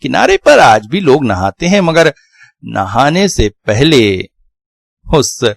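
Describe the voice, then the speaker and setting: A man telling a scripted horror story in a slow, dramatic, suspenseful way. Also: medium pitch, big pitch swings, creaky, no echo.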